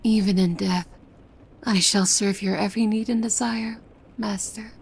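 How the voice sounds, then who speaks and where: Playing a devoted, softly sinister demon maid in ASMR roleplay, a woman speaks in hushed, formal tones that often slip into breathy whispers, possessive and gently threatening. Her mid-range voice, close to an everyday one, keeps fairly even intonation at a moderate pace, with a little hiss or hum.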